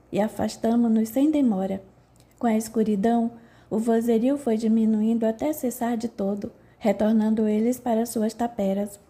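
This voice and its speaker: Woman, audiobook narrator, steady measured reading, very mellow dark tone, slightly high pitch. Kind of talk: scripted narration.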